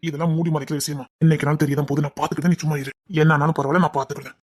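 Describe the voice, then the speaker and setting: A man playing a stammering, husky young village son. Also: fairly high pitch, little pitch movement. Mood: sheepish. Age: young adult. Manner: stammering excuses, fast and husky. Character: sly young village son caught with his girlfriend.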